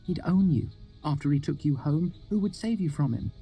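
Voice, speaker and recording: A man's voice: fairly low pitch, steady tone, moderate pace, warm tone, faint music behind, voice pushed up, close to an everyday voice. Denna, a man voicing a blunt worldly young woman. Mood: venomous. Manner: blunt, matter-of-fact, biting.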